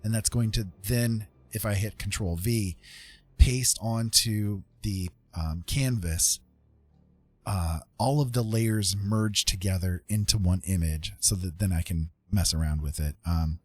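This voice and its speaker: This digital artist talks as he draws on his live stream, his voice low, unhurried and a bit rough, with no echo and faint music behind him. He thinks out loud in a tentative, modest way, sometimes pausing to explain things like a tutorial.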